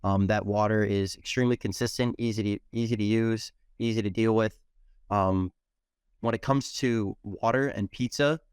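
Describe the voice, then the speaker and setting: A young man who owns a pizzeria, explaining his process in a casual interview, steady and full of ums. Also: on the low side, smooth, no room sound, clean studio sound. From United States. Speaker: pizzeria owner.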